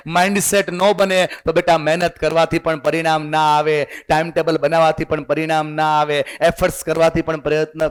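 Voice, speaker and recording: High-voiced man rousing a student crowd. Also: smooth. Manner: rousing, drills the crowd with call-and-response. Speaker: motivational speaker. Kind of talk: motivational seminar talk. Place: hall full of students.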